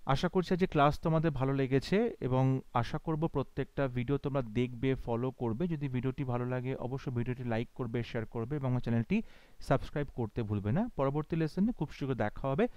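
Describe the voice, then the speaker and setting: A man teaching English translation in a slow lesson, dictating English phrases word by word between explanations. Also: medium pitch, a little mellow, no room sound. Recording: dull lo-fi dry recording.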